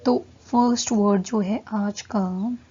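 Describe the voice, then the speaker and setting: A woman teaching English vocabulary in a casual Hindi-English mix. She keeps checking in with the class and says the key English words slowly. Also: mid-range voice, fairly even intonation, dark tone, husky, muffled recording.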